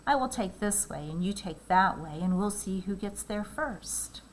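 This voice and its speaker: A woman reading aloud, voicing a hungry, sly male wolf in a storybook with a slow, gruff, pushy delivery. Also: sits high, expressive, slight background noise, pitched above the performer's own voice, low-quality recording.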